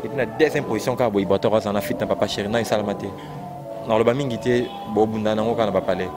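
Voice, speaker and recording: A man with a Congolese French accent in an animated, repetitive casual chat about music, exclaiming often. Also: fairly low pitch, quick pace. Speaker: fan discussing rumba music. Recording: loud music playing behind.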